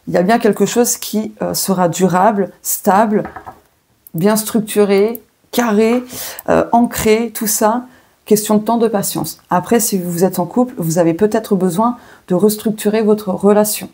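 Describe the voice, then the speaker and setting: Woman, French accent, oracle card reading, chatty asides, dark mellow tone, husky. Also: mid-range voice, a little slow. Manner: chatty, thinks aloud with many fillers and self-asides. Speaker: tarot and oracle card reader. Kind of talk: casual weekly card reading to viewers.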